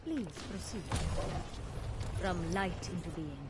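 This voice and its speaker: Exacting female game architect, Indian accent, formal, measured, precise, loud game noise behind. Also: fairly low pitch, animated. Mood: calm, formal. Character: composed, exacting woman defense architect in a game. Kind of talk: video game character lines.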